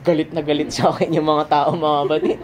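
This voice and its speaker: A man's voice: a little high, level tone, quick pace, slight background noise. Chatty man preaching a sermon. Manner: conversational, keeps saying "mga kapatid" and "diba?"; chuckles through his own stories. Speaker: pastor.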